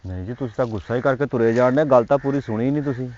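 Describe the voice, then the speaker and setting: A man's voice: mid-range voice, darkish tone. A man with a Punjabi accent acting a cheeky, flirtatious neighbour in a comedy sketch. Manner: cheeky, flirtatious, fast-talking. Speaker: comic actor as a flirting neighbour. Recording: dull lo-fi audio with faint noise.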